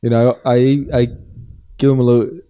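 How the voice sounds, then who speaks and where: A man's voice: medium pitch, level tone, moderate pace, dark tone, smooth, highs cut off. A man with a northern German accent, co-hosting a casual podcast chat and rambling through his points with lots of fillers and restarts. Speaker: podcast co-host.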